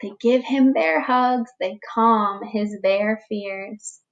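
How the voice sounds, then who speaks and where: A woman teacher reading a picture book aloud to young children, slow and expressive, giving the animals little voices. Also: a little high, muffled recording. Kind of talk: read-aloud storytime for children.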